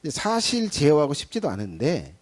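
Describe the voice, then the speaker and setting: Middle-aged male pastor, chatty and animated preaching, acts out small scenes, voice rising and falling a lot. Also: fairly high pitch, a little fast. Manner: animated and conversational, acting out little scenes. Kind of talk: sermon. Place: church sanctuary.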